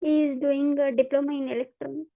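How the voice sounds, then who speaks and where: A woman's voice: high voice, level tone, fairly quick, vocal fry, no room sound. A young woman with a Kannada-influenced Indian English accent, answering mock interview questions as a timid, deferential and hesitant job candidate. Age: young adult. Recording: thin phone-like line.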